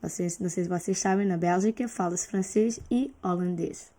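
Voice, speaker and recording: A woman teaching French, reading a beginner lesson text aloud with careful, clearly articulated delivery and brief explanatory asides. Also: fairly low pitch, brisk, mellow.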